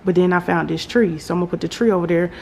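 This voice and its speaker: A woman's voice: on the low side, fairly even intonation, very fast, a little mellow. A woman with a Southern American accent gives a casual, rambling house tour to viewers, thinking aloud as she goes. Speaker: home makeover vlogger. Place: indoors, rooms of a house. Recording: noisy handheld home recording, household ambience. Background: clear background noise.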